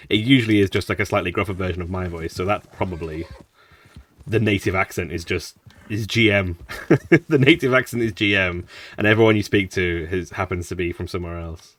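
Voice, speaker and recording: Male gaming streamer, low voice, chatty and rambling, slightly distant mic. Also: quick pace, a bit bright. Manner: rambling, chatty, laughs often. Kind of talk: casual gameplay commentary.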